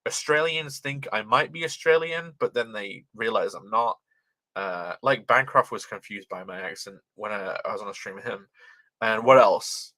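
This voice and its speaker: Reading his chat out loud, this young man from Britain keeps his livestream casual, cursing freely and often laughing. His accent is lightly British with a transatlantic tinge. The voice is lowish at normal speed, bright and forceful, with no room sound.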